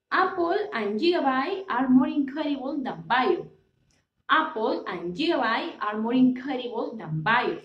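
A woman teacher, slowly drilling English words by stretching each syllable. Her fairly high voice swings widely in pitch. She sounds set back from the mic in an echoey room. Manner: drawn-out syllables, repeating words to drill pronunciation. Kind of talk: bilingual classroom lesson. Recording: echoey room, distant mic, faint noise.

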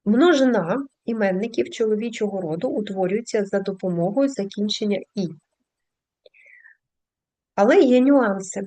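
A woman's voice: mid-range voice, mellow. A woman teaching a language lesson, patiently explaining step by step and reading out word lists.

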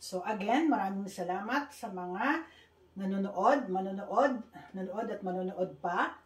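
Tagalog-speaking woman teaching slowly. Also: medium pitch, animated. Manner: patient, repeats sounds slowly for learners; mixes Tagalog with English. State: speaking carefully due to a tooth problem. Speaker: Korean language teacher. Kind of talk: online language lesson. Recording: echoey room, faint hiss.

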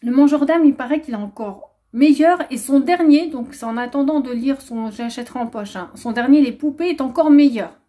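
A woman's voice: high voice, brisk, hardly any pauses, dark tone. A young woman chatting casually through a book haul vlog, rambling with plenty of hesitations. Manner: chatty, rambling, many filler "euh"s. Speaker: booktuber.

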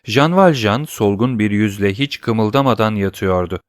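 A man reading a classic novel aloud as an audiobook narrator, in a steady, measured way. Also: lowish voice, no room sound, studio quality.

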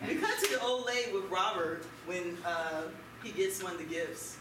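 A woman's voice: on the low side, normal speed, far from the mic. A woman improv performer narrating comedy scenes. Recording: very noisy, echoey room from afar.

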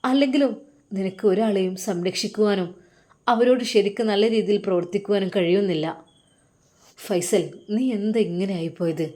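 A woman voicing a troubled young man quietly reproaching himself. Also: medium pitch, normal speed, lightly acted. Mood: brooding. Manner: brooding self-reproach.

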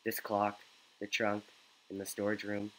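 A man's voice: on the low side, completely flat delivery, measured pace, fairly bright tone, slight background noise, poor audio. A man giving joking let's play commentary, making goofy asides while he plays. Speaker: gaming YouTuber.

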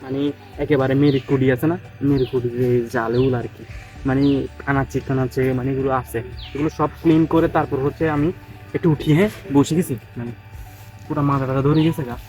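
Man, casual backyard vlog, chatty rambling, rapid talk, mid pitch, outdoors by a pond. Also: steady tone, faint music behind, rough recording. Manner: rambling, chatty, addresses viewers directly; speaking quietly so neighbours won't hear. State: tired and sweaty from washing a bicycle. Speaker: vlogger.

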